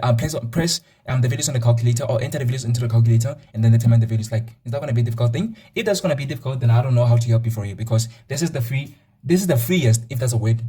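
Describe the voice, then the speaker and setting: A man's voice: medium pitch, warm tone, husky. A young man teaching a math lesson to students, counting aloud and repeating himself often, with fillers as he thinks.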